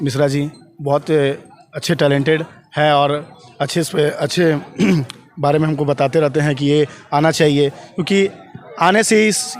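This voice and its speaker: A man from Bengal with a fairly high voice answers in a casual street interview. He talks haltingly, repeating and circling back on his phrases. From Bengal, India. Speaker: festival visitor being interviewed.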